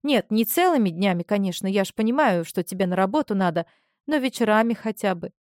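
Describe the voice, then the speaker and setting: A woman's voice: mid-range voice, expressive, fairly quick, a little mellow, no room sound, clean studio sound, natural voice. A woman putting on a plaintive, pleading young woman faking helplessness. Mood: tearful pleading.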